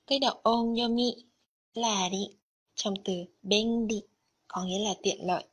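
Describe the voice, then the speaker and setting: Slow, breathy woman teaching Japanese vocabulary. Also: medium pitch, fairly even intonation. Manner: slow, careful explanation of vocabulary and kanji. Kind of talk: scripted lesson narration.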